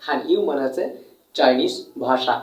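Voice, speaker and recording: Teacher repeating and quizzing himself. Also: male voice, medium pitch. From Bangladesh. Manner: repetitive, asks and answers own questions; drawn-out demonstration of tones. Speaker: Chinese language teacher. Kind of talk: classroom lesson in Bengali. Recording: echoey room, mic at a distance.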